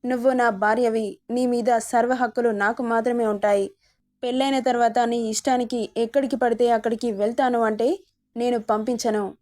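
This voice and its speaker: A woman's voice: a little high, fairly even intonation, moderate pace, warm tone, close to an everyday voice. A woman voicing a possessive young husband who speaks insistently and gives orders. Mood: commanding. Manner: commanding, insistent.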